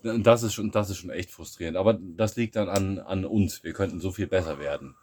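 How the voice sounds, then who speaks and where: A man from Germany co-hosting a podcast in casual chat, relaxed and musing, often restarting his sentences. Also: low voice, a little fast, a little hiss or hum. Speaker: podcast co-host.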